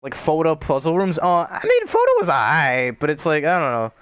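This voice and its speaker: A man's voice: a little high, sing-song, moderate pace, a bit bright, clear, resonant tone, no room sound, lo-fi sound. A young man chatting casually on a gaming stream, rambling and swearing with lots of filler words.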